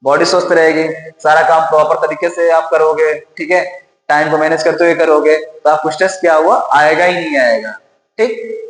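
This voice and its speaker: A man with a fairly high, steady voice teaches a classroom-style lesson at a moderate pace. He repeats key points and poses questions he answers himself, and the recording has a roomy echo with long reverb.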